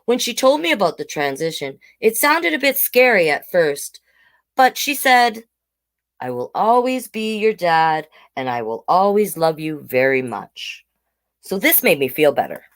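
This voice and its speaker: Her fairly low voice is very animated and unhurried as she hosts storytime for kids. She reads a picture book and adds easy, friendly asides, explaining in a simple, child-directed way with tag questions.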